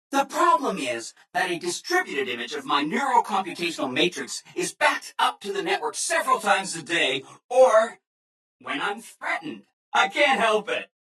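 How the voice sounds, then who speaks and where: A man's voice: high voice, bright, forceful tone, husky, exaggerated voice, poor audio. A man voicing a relentlessly cheerful, eager-to-please robot assistant in a video game, with chirpy, over-agreeable salesman enthusiasm. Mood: apologetic, falsely sweet. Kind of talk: video game character voice lines.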